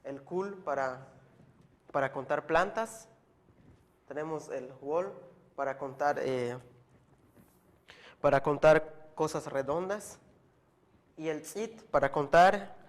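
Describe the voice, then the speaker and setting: Patiently and at a slow pace, a slightly high-voiced male teacher walks a learner through a language lesson, saying each word more than once so it's easy to follow.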